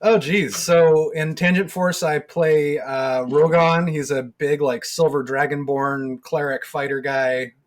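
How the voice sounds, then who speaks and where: Male podcast co-host, 40s, rambling and easygoing, quick to laugh. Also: a little high, fairly even intonation. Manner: rambling, laughs easily, swears casually. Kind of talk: casual podcast chat.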